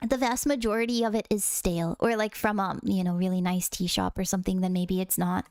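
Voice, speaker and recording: A woman's voice: mid-range voice, steady tone, brisk, darkish tone, no room sound, studio quality. A woman streaming a game, chatting in a bubbly, casual way with frequent swearing. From United States. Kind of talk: casual gaming stream chat.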